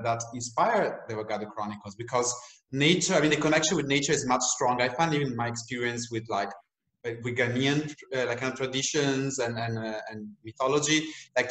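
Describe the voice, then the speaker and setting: A young man hosting a video-call interview, chatty and relaxed, laughing at himself. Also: mid-range voice. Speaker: host and game designer. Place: room at home. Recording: echoey room sound.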